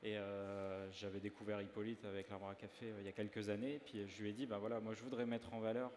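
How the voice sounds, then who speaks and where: A pastry chef from northern France talks through a dessert demo, hesitant and full of filler sounds. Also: male voice, on the low side, flat delivery, fast, darkish tone. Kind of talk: live demo interview. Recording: reverberant hall, faint ambient noise.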